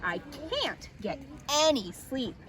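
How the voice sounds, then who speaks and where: A woman voicing a fussy, bossy male rabbit in a children's story, brisk and exclamatory. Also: high-pitched, sing-song, a bit bright, full character voice. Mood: complaining. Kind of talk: children's storybook character reading.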